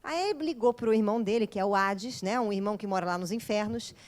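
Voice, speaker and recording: A woman's voice: medium pitch, quick pace. A woman lecturing a course, retelling a myth in a playful, jokey way and chatting with her audience. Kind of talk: humorous storytelling lecture.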